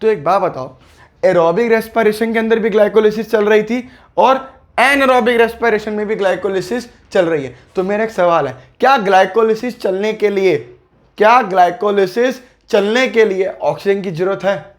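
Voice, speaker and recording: Young male biology tutor, high pitch, friendly, drills key words with questions. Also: normal speed. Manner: repeats key terms, asks and answers his own questions; friendly, coaxing. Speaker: biology teacher. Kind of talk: exam-prep lecture.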